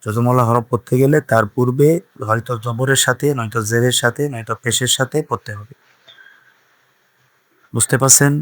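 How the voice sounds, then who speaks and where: A man of middle pitch gives a patient, step-by-step reading lesson, spelling each letter aloud and repeating the sounds. His voice is close and dry, with no room around it. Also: fairly even intonation, brisk, pauses often, fairly bright tone, no echo. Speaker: Quran reading teacher.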